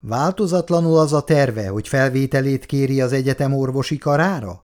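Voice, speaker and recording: A man's voice: medium pitch, a little mellow, natural voice. Man reading as a formal schoolteacher. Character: male schoolteacher, formal and probing. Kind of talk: reading a novel aloud.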